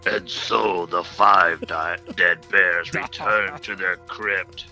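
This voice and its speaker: A man voicing an ominous horror narrator, drawing the words out low and slow, a little away from the mic. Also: fairly even intonation, bright, forceful tone, soft background music, heavily acted. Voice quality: low, drawn-out spooky delivery.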